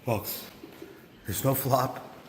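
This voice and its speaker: A man from New Jersey hosting a food vlog, tasting pizza and hyping it with loud bursts of excited praise in a hotel press room. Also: mid-range voice, drawn-out words, over a noisy crowd. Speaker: pizza reviewer host. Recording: echoey hall with faint background noise.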